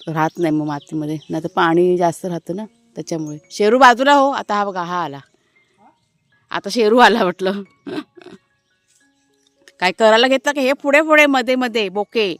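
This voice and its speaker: A woman from Maharashtra in casual vlog narration, chatty and explanatory as she speaks to viewers from an outdoor garden, now and then calling loudly to her dogs. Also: lowish voice. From Maharashtra, India. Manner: calls out loudly to her dogs between remarks. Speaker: family vlogger.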